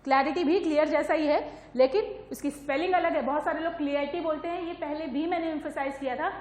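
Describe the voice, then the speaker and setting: A woman's voice: high-pitched, steady tone, fast talker, darkish tone, reverberant. A woman teaching a polytechnic communication class, patiently repeating words to show stress and asking if the students follow. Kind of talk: classroom lecture.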